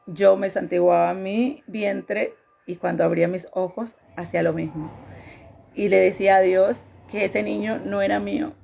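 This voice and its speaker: Woman sharing a faith testimony, slow and halting, with a gravelly edge, heard on a dull lo-fi recording. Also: medium pitch, a little mellow. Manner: halting, repeats phrases. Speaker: woman giving a personal testimony.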